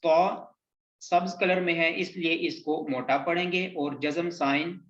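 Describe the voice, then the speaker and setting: A man's voice: a little high, fairly even intonation, unhurried, fairly bright tone. A man teaching Quran reading, patiently drilling syllables one by one in a lesson. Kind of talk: slow recitation lesson, spelling out letter sounds. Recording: roomy, dull lo-fi sound.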